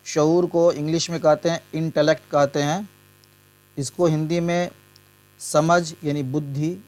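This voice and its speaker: A man working through past exam questions as a teacher, explaining terms step by step and giving Hindi and English equivalents. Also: a little high.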